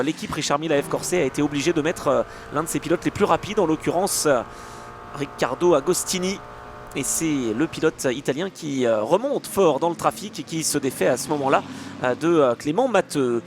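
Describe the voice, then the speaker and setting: A man giving live motorsport race commentary in a hesitant, excitable way. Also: a little high. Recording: clear engine and trackside noise behind.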